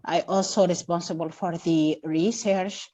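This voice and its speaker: Lowish-voiced woman with a Sudanese accent. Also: steady tone, unhurried, mellow. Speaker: course participant, paediatric doctor and researcher. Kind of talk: self-introduction in an online class. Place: online video call.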